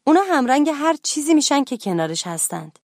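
Woman voicing a gentle, kind schoolboy. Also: high voice, very animated, dry recording, clean studio sound, voice pushed up. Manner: gentle and reassuring. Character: kind, calm schoolboy who helps his friend.

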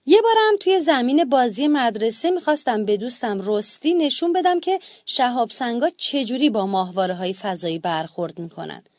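Animated woman reading a bedtime story. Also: on the high side, dry recording. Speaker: storybook narrator.

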